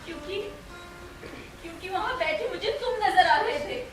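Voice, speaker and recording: A woman's voice: very high voice, moderate pace. A young woman playing a defiant daughter who refuses an arranged marriage, projecting emphatically from a stage. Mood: earnest. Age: young adult. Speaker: student stage actor. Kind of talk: stage play acting. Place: large hall stage. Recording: echoey hall from far off, music.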